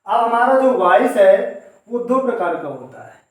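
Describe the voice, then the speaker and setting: A man's voice: high-pitched, big pitch swings, moderate pace, far from the mic. A male teacher giving a grammar lesson to students. He explains step by step, and he often asks a question and then answers it himself. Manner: addresses students directly. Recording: echoey room, voice away from the mic.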